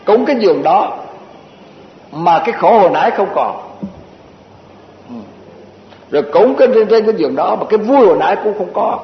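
A man delivers a Buddhist dharma talk in a high, light voice. He speaks in a homely, repetitive way, piling up short lists and slipping in chuckling asides. The recording is muffled, with a long echoing hall reverb and a faint hiss underneath. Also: animated, normal speed, pauses often. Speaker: Buddhist teacher.

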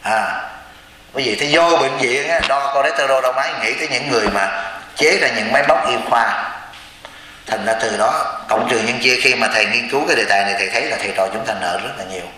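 Male Buddhist preacher, sharp bright voice, sermon in a very echoey hall with faint room noise. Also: mid-range voice, fast. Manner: keeps asking the audience rhetorical questions. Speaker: Buddhist teacher. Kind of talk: sermon to a congregation. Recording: echoey hall with long reverb.

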